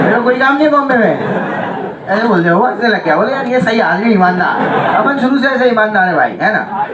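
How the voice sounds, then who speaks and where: Animated teacher, high lively voice. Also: male voice, background noise. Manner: animated, chuckles often, keeps asking if students follow. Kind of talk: humorous classroom storytelling. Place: large classroom or hall with students. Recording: echoey hall from far off with loud crowd. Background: students laughing and chiming in.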